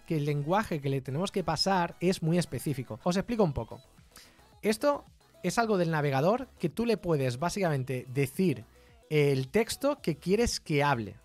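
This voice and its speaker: A man with a Spain Spanish accent giving a casual live-coding tutorial, chatty and quick to laugh and swear in surprise. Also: a little high, a little mellow. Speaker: programming streamer.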